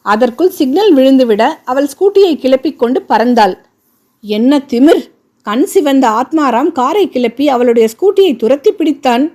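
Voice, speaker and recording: Novel narrator: woman, high pitch, steady expressive reading. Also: a little fast, hardly any pauses. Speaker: storyteller.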